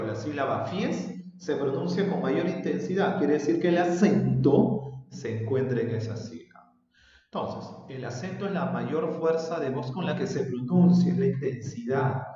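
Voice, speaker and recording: Warm in tone and mid-range in pitch, a man who teaches language at secondary school patiently explains a recorded remote lesson, lengthening example words as he goes. The sound is distant, dull, and roomy, with long reverb.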